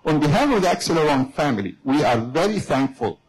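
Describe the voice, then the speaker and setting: A man delivering a formal prepared speech as a company representative, with deliberate, halting phrasing and non-native grammar. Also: a little high, big pitch swings, breathy edge, low-quality recording.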